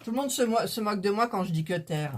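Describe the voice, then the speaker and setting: A woman's voice: medium pitch, racing, slight background noise. A woman chatting casually and jokingly as she hosts a shopping haul video, talking to her viewers. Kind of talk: casual chat, presenting purchases.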